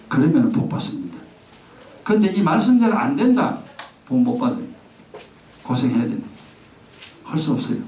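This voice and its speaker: A man's voice: medium pitch, gravelly, mellow, a little hiss or hum. A male pastor giving a conversational sermon, often acting out a child's pleading voice. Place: church sanctuary. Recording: echoey church sound from a distance.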